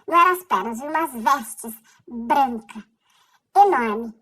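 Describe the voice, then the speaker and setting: Woman, high bright voice, emotional faith testimony, stop-and-start delivery. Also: expressive, rough recording. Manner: earnest and halting, with restarts. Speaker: person sharing a faith testimony. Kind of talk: personal religious testimony.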